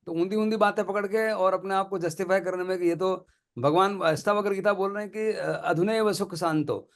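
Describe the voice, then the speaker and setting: High-voiced man explaining spiritual ideas. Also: fairly even intonation, a little fast. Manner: earnest, colloquial, repeats phrases for emphasis; laughs between points. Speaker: spiritual teacher in conversation. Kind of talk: casual spiritual discussion.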